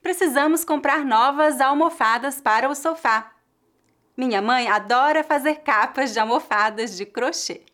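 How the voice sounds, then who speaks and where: A Brazilian woman teaching a language lesson with careful, deliberate pronunciation and a Brazilian accent. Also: high voice, a bit bright. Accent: Brazilian Portuguese. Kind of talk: clear, slow language lesson.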